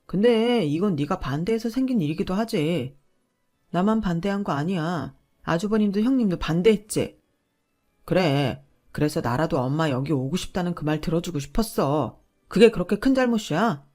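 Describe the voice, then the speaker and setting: A woman's voice: on the low side, lively intonation, normal speed, warm tone, faint music behind. Woman playing a sneering, selfish husband. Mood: dismissive. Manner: dismissive and sneering. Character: selfish, defensive young husband, quick to argue.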